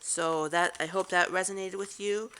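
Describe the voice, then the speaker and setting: A woman giving a casual tarot reading to camera, musing aloud with halting restarts. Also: fairly low pitch, fairly even intonation, fairly bright tone, smooth. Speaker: tarot reader.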